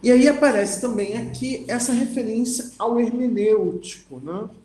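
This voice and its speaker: High-voiced lecturer in an echoey room. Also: male voice, normal speed, mellow. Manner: reads passages aloud, then comments with frequent "né?" and restarts. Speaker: philosophy lecturer. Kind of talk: lecture, reading and explaining a text.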